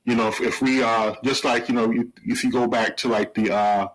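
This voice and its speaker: A man's voice: medium pitch, steady tone, normal speed, low-quality recording. A man co-hosting a radio talk show, speaking reflectively and explaining his points with analogies and many fillers. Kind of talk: casual radio discussion.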